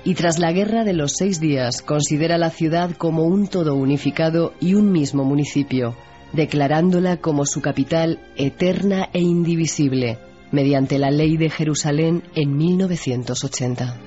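A man's voice: a little high, dark tone. Formal male narrator over music. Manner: measured and formal. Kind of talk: scripted documentary narration. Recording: dull lo-fi radio sound over music.

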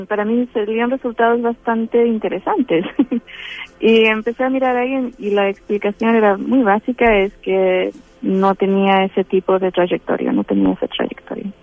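Speaking with a Chilean Spanish accent, a Chilean woman appears as a guest on a spiritual interview. Her medium-pitched voice keeps a steady tone at normal speed, though she is hesitant, full of fillers and restarts, and the line sounds tinny like a phone.

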